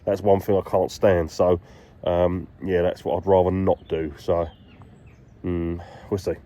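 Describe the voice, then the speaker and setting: A man's voice: sits low, level tone, a little slow, mellow, slight background noise. A British man with a congested, stuffy nose from a cold, chatting casually and thinking aloud as he films himself fishing. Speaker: angler filming a fishing vlog. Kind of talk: casual chat to camera while fishing. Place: outdoors by the water.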